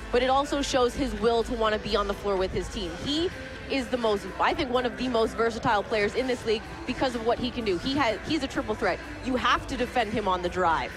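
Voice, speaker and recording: A woman commentating before a basketball game, analytical and deliberate in her phrasing. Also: on the high side, rough recording. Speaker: sports broadcast commentator. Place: indoor sports arena.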